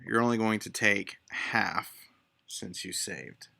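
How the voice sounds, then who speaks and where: A man runs a tabletop game over a call, narrating in a bright voice. He takes his time and fills gaps with ums as he describes the scene. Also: lowish voice, animated, creaky. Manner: unhurried, descriptive narration with fillers. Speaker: game master.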